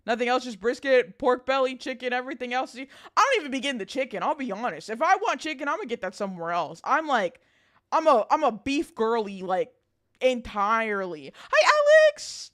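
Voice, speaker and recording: High-pitched, animated woman livestreamer, bubbly and girlish. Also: a little fast. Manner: blunt, sweary, playfully emphatic. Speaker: livestream host, virtual streamer. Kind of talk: casual livestream chat, reading and answering viewers.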